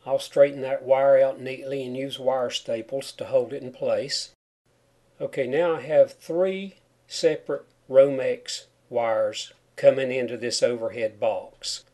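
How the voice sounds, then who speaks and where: A man's voice: mid-range voice, steady tone, a little slow, darkish tone. A man narrating a step-by-step how-to tutorial, his speech marked by a whistle on s sounds from a chipped tooth. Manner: plain, step-by-step explaining. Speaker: DIY home wiring instructor.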